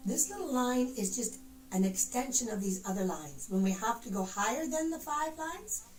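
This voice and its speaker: With an expressive, rather high voice at normal speed, a woman teaches a piano lesson, patiently and encouragingly explaining, showing and counting notes. The sound is roomy and distant, with echo and faint piano.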